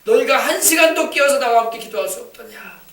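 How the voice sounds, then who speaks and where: A man's voice: extremely high pitch, expressive, fast, vocal fry, a bit bright, pitched above the performer's own voice, exaggerated voice. A pastor voicing Jesus as a grave, sorrowful man, heard from a distance in an echoey church. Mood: reproachful. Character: anguished yet resolute Jesus, grown man.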